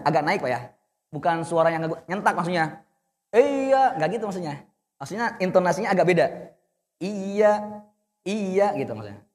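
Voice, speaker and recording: Brief: young male recitation teacher, high voice, patient and corrective, long reverb behind. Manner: patient, corrective, demonstrates then explains. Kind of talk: teaching Quran reading to adults.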